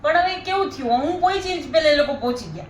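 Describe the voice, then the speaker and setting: High-voiced woman telling a story. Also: fast, echoey room, a little hiss or hum. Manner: animated storytelling, prone to laughing. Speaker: family vlogger. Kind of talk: casual chat.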